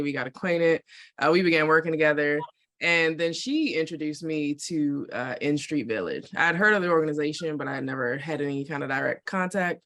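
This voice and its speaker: A woman from Washington D.C., a guest on a podcast interview, who talks in a relaxed, casual way with frequent "uh" fillers. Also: low-pitched. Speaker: creative director, guest.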